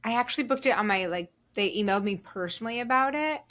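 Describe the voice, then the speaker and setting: A woman co-hosting a podcast in casual chat, relaxed and agreeable, steering the talk along. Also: fairly high pitch, fast talker. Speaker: podcast co-host.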